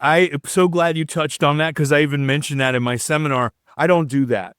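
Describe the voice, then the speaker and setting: A middle-aged man, a chiropractor answering questions in a podcast interview, explaining in an animated, demonstrative way. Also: on the high side, brisk, smooth, no room sound, clean studio sound. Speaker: chiropractor guest.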